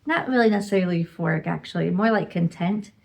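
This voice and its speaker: A woman's voice: lowish voice, fast, creaky. A woman casually reviewing the books she read this month in a rambling vlog, with lots of "like" and "you know". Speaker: book reviewer.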